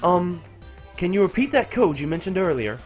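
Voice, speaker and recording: A young man casually commenting on a video game he is playing, animated and excitable, swearing freely. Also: high-pitched, fast, faint music behind. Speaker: gaming YouTuber. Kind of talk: casual let's-play commentary.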